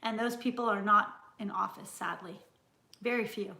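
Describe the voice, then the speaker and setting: A woman hosting a casual live-stream chat, frank and chatty and quick to laugh, talking from home. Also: medium pitch, fairly even intonation, vocal fry, pushed and bright. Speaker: cooking channel host. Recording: roomy echo.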